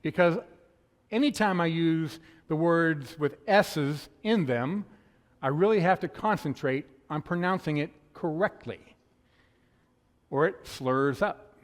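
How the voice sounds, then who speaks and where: A male pastor from the northern United States preaching a sermon in a quick, conversational storytelling way, with a slight lisp on his s sounds. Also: fairly high pitch. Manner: fast-talking, conversational storytelling. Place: church sanctuary. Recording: long hall reverb.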